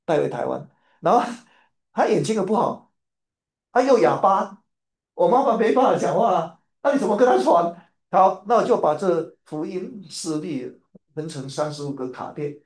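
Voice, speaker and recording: A man from Taiwan preaching a sermon, telling a family story in an animated way and repeating his phrases. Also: a little high, reverberant.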